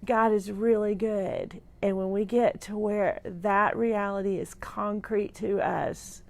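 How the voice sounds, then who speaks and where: A middle-aged woman weak and groggy after surgery, rambling sincerely and haltingly in a personal livestream from a hospital room. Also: medium pitch, steady tone. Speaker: vlogger sharing a personal update.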